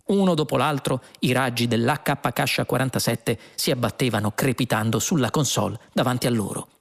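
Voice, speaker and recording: A man narrating a science-fiction audiobook with expressive storytelling. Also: mid-range voice, a little fast, vocal fry.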